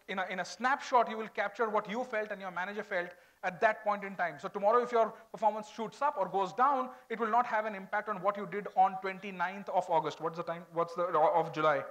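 A high-pitched man with an Indian accent speaks quickly from a stage. His delivery is informal and conversational, in the way of a corporate speaker taking questions from an audience. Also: a bit bright. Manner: informal, switching between English and Hindi. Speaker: corporate HR speaker at a college event. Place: large auditorium stage.

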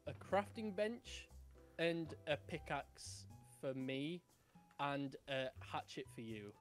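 A man casually chatting while playing a game, thinking aloud and bursting into excited shouts. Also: fairly high pitch, takes it slowly. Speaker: gaming channel host. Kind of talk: casual gameplay chat. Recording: light background music.

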